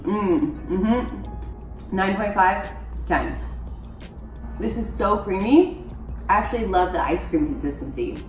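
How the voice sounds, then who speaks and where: A woman's voice: mid-range voice, animated, slow, pauses often. Woman chatting with her mouth full, chewing, gushy and giggly, kinda far off in a roomy space. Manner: effusive, gushing, giggly. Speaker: host of a vegan cooking channel. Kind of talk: casual taste-test chat. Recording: echoey room, distant mic, faint music.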